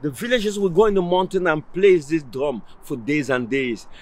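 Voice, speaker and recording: A man from Cameroon, telling a village folk tale in a lively, repetitive oral storytelling style. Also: a little high, moderate pace. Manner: animated, repeating phrases, explaining drums. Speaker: storyteller and musician.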